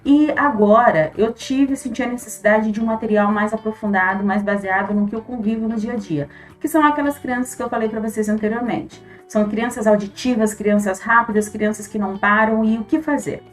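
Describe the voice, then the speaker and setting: A woman's voice: a little high, brisk, few pauses, faint music behind. A woman teacher, explaining her teaching material in an earnest, emphatic way. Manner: earnest, emphatic, voice swells on key points. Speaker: teacher and workbook creator. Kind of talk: explanatory talk to viewers.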